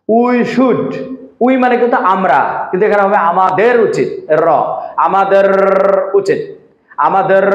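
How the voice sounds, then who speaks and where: Man, high-pitched, lesson teacher, quizzing and repeating, echoey room, dull sound. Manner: repeats points and quizzes the viewer with questions. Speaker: English teacher. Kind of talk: spoken-language lesson.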